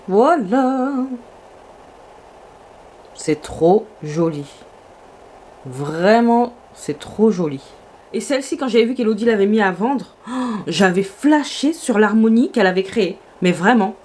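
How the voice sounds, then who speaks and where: A woman's voice: medium pitch, animated, a little slow, long pauses, a little mellow, slight background noise. A woman vlogging casually about her makeup, gushing and exclamatory in a chatty way. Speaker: beauty vlogger.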